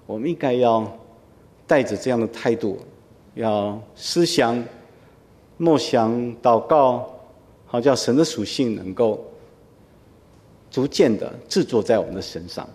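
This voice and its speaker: A man preaches in an easy, conversational way, pausing to check in with his listeners through quick rhetorical questions. His voice sits at an ordinary middle pitch. The sound carries a long reverb, as in a church hall. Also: lively intonation, a little mellow. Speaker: pastor. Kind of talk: sermon.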